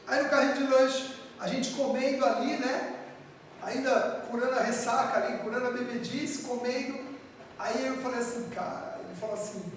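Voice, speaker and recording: A woman preaching from São Paulo, Brazil, telling her testimony to the congregation with lively acted-out dialogue. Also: on the high side, slight background noise. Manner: animated storyteller acting out dialogue, addressing the congregation. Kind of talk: sermon storytelling. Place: church hall. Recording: echoey church hall, distant mic.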